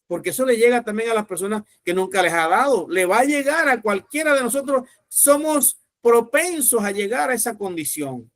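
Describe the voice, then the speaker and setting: A pastor preaching with a notably high voice. He speaks emphatically and with command, urging his listeners on. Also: animated, moderate pace, hardly any pauses, a bit bright, dry recording, clean studio sound. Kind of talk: sermon.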